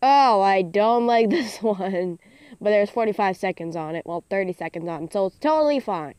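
A woman's voice: medium pitch, lively intonation, moderate pace, a little mellow, smooth, dry recording. A teenage girl giving casual let's-play commentary, rambling and giggly with lots of "like" fillers, recorded on a phone mic. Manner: hyper and giggly. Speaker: gaming channel host. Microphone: phone screen recording mic.

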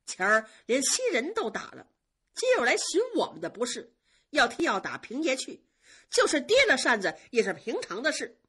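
A proud young maidservant with a quick, sneering tongue, as a woman storyteller puts her on. The voice sits high and swings widely, with a husky edge, every line thrown back in scorn. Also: huge pitch swings, a bit bright, full character voice. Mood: scornful. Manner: sneering, biting retorts. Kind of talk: traditional storytelling.

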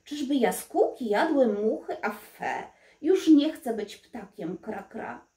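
A woman voicing a spoiled young princess turned into a crow, cawing in a high plaintive voice. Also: lively intonation, a little slow, dark tone. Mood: worried. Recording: roomy echo.

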